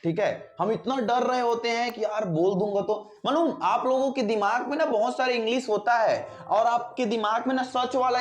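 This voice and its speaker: A man teaching spoken English in a chatty lesson, who keeps asking his listeners whether they follow. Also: very high-pitched. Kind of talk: informal video lesson. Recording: echoey room with music behind.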